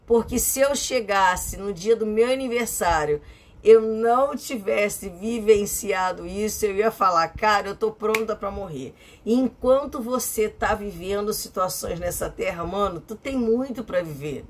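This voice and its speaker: A middle-aged woman from Brazil talking to her viewers in a chatty, emphatic vlog monologue, repeating phrases for effect. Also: mid-range voice. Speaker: vlogger.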